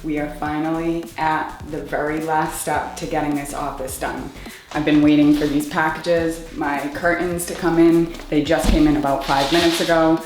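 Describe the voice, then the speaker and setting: Low-voiced woman vlogger in an echoey room. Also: level tone, normal speed, a little mellow. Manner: chatty. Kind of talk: casual home makeover vlog. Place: indoors in a home office. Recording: roomy echo, background music.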